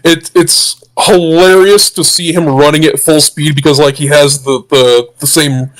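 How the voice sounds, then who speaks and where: A man's voice: a little high, steady tone, a little slow, fairly bright tone, low-quality recording. A man co-hosting a casual livestream chat through a voice changer, talking keenly with frequent restarts. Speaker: co-host.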